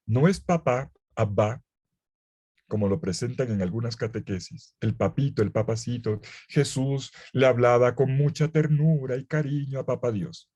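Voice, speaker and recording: A man, a priest giving a lively Bible lecture, full of playful, ironic asides. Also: medium pitch, moderate pace, muffled recording. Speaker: priest teaching a Bible course.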